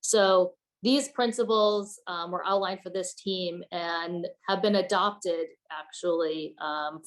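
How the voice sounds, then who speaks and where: A woman representing a neighborhood group, presenting design principles in a conversational way with fillers. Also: low voice. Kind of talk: online presentation.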